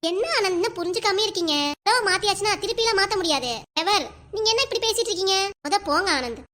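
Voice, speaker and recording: A woman's voice: very high-pitched, racing, sharp tone. A woman voicing a scheming, bossy young wife in a cartoon comedy, with a southern Tamil Nadu accent and a scornful, taunting manner. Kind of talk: cartoon comedy sketch acting.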